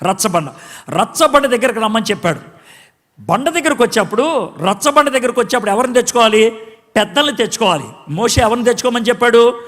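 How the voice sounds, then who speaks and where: A pastor giving a dramatic sermon, acting out quotes and swinging between shouts and hushed tones. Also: male voice, very high voice, expressive, quick pace, in a large hall. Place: church hall.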